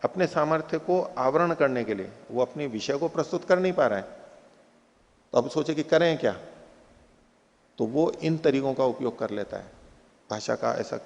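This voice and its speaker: Man with a gravelly voice, teaching. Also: mid-range voice, animated, big-room sound. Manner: recites Sanskrit sutras slowly, then explains with everyday examples. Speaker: teacher of Nyaya philosophy. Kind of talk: explaining Sanskrit aphorisms in a spoken lecture.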